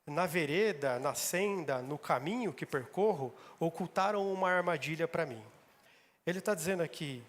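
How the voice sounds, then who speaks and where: High-voiced preacher man in a hall. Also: expressive, moderate pace. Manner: emphatic, repeats phrases for stress. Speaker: pastor. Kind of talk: sermon.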